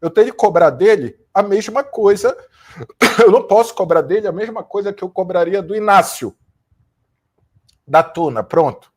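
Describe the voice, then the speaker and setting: A Brazilian man fires off a post-match football rant from his room. His voice sits high, and he hammers each point home bluntly, repeating lines and swearing now and then. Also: animated, moderate pace, pauses often. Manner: emphatic, repetitive, blunt with mild swearing. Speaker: football commentator, channel host. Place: home room with a fan running, new studio being set up.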